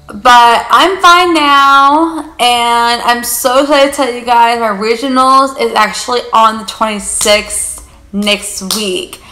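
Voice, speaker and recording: Bright chatty young woman vlogging. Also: a little high, takes it slowly, roomy sound. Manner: chatty, rambling, fillers of like and you guys. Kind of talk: casual vlog chat to camera. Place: living room on a leather couch.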